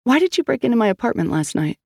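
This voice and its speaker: A woman's voice: fairly high pitch, big pitch swings, fast talker, gravelly, darkish tone, slightly rough, dry recording, studio quality, voice pushed up, exaggerated voice. A woman voicing a tough, skeptical police detective who gives blunt, commanding demands in a storybook reading. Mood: demanding.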